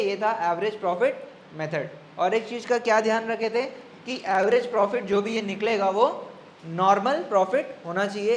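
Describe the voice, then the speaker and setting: A man teaching an accounting class. He repeats key phrases, keeps checking that students follow, and slows right down to dictate formulas. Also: high-pitched, a little hiss or hum. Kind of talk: classroom lecture.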